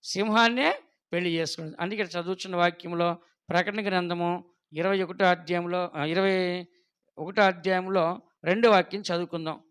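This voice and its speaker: A man preaching a sermon as pastor, often asking the congregation questions and prompting them to answer, with lively storytelling. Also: sits high, fairly quick, pauses often, clean tone. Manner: animated storytelling with quoted voices.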